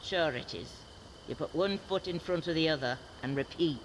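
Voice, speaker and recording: A woman's voice: low voice, moderate pace, slight background noise, natural voice, rough recording. An actress playing a self-assured blind wandering woman in a fantasy game, wry and teasing. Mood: wry, confident.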